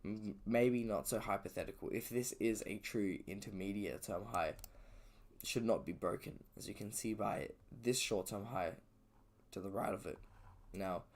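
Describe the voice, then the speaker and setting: A man's voice: lowish voice, darkish tone. A man casually talking through his trading chart on a live session, thinking aloud loosely with fillers and self-corrections, a little sleepy, at home indoors. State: sleepy, yawning. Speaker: trader streaming his session.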